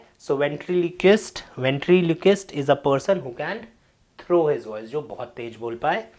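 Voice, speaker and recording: Indian man teaching vocabulary in Hindi and English. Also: medium pitch. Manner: mixes Hindi and English, slows down to read from the book, then explains quickly. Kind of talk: classroom-style vocabulary lesson.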